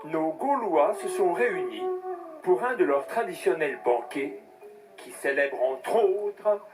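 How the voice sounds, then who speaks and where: A man narrates an audio drama in a measured storytelling voice that sits slightly high. He is heard a little off mic, with clear music playing under him. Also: lively intonation, far from the mic, rough recording. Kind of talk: scripted narration.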